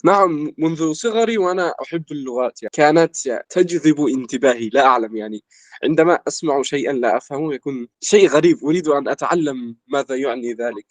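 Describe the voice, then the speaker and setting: A man's voice: a little high, no echo. Young man from Egypt, dry close sound. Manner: measured and explanatory, fond of filler words. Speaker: interview guest, language student. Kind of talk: casual conversation in formal Arabic.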